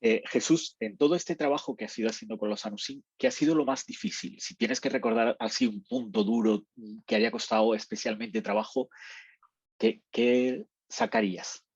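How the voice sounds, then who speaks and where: A male interviewer with a husky voice asks his questions hesitantly, stumbling over his first words. The sound is dull and dry. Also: medium pitch, animated, normal speed, a little mellow, dry recording. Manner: hesitant, repeats words when starting. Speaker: interviewer, host.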